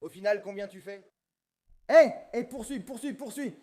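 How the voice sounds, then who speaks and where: A man's voice: high-pitched, moderate pace, dark tone. A man chatting and teasing in casual banter.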